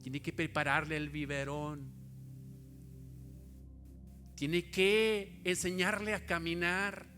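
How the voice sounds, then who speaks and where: Bright-voiced pastor preaching. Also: male voice, flat delivery, takes it slowly, pauses often, soft background music. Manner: impassioned preaching, swinging from low and soft to high, strained pleading. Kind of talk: sermon. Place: church sanctuary.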